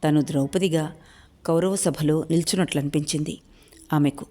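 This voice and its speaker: Brief: female storyteller, dramatic literary reading, slightly low voice. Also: moderate pace. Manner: expressive, dramatic narration.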